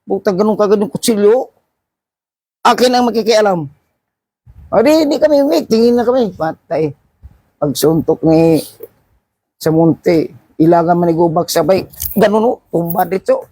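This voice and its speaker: A middle-aged man, telling an animated work anecdote casually and acting out the shouts, with frequent restarts. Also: high voice, normal speed, long pauses, breathy edge. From Philippines. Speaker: seafarer vlogger. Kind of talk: casual storytelling.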